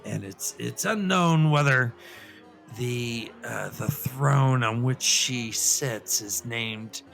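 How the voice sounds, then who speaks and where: In a comic show, a man voices an excitable professor puppet lecturing on fantasy lore, earnest and rambling, full of digressions, asides and stammers. His gravelly, forceful voice sits at a middling pitch and moves slowly, with faint music behind it.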